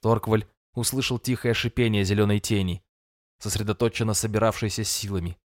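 A man reads a fantasy tale in a low, measured voice. The recording is close and dry, with no room sound around him. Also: little pitch movement, no room sound. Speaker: audiobook narrator. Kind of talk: scripted fantasy narration.

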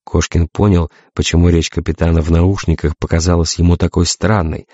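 Deep-voiced male audiobook narrator. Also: flat delivery, a little fast, mellow, no echo, lo-fi sound.

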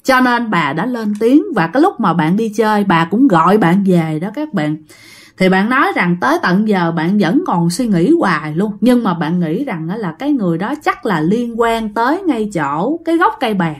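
A woman's voice: medium pitch, big pitch swings, normal speed. A woman tells a ghost story in a chatty style, addressing her listeners directly. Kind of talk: casual ghost story narration.

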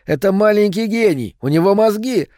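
Мужчина озвучивает громкого задиристого школьника-хвастуна. Голос поднят выше обычного и звучит напоказ, запись сухая. Это персонаж аудиокниги. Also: male voice, high voice, lively intonation, normal speed, mellow, dry recording, clean studio sound, voice pushed up. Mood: teasing. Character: boastful teenage schoolboy, loud joker.

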